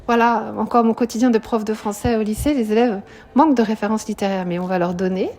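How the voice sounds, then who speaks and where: Woman, French teacher, live classroom lesson, voice slightly high, explains and questions the students. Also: fairly even intonation, quick pace, darkish tone. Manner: explanatory, questions students, frequent "hein" tags.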